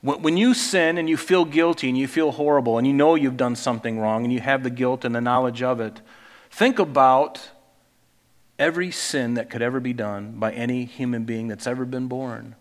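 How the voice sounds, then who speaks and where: A man's voice: medium pitch, normal speed, long reverb tail. A man preaching a sermon as pastor, reading scripture emphatically and breaking in with earnest asides.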